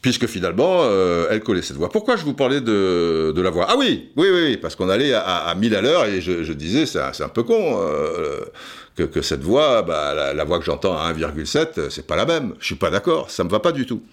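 Here the podcast host's voice sits low and sing-song, moving a little fast as he spins a loose storytelling monologue that keeps doubling back and drifting into asides.

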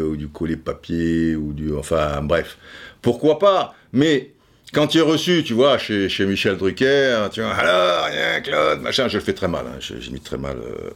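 Casual commentator guy, keeps stammering and repeating himself, super expressive voice. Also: low voice. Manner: animated, stammering repetitions, casual swearing. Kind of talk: casual chat.

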